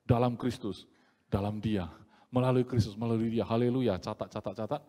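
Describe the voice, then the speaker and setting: A man preaching a sermon in a lively, joking way, often acting out the voices he quotes. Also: medium pitch, moderate pace, big-room sound.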